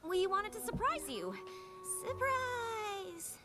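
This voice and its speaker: Brief: a calm, sensible cartoon unicorn, high and lively voice, music behind. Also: female voice, takes it slowly, exaggerated voice. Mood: friendly. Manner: patient, sensible. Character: level-headed young female unicorn pony. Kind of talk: cartoon voice acting.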